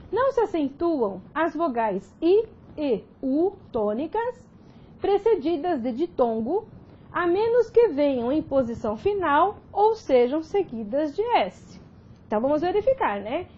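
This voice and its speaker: A Brazilian woman gives a recorded grammar lesson, her high voice rising and falling with lively emphasis. She explains each point step by step and keeps checking in with short tag questions. The sound is a little dull and lo-fi. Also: unhurried, a little hiss or hum. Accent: Brazilian Portuguese. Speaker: grammar teacher.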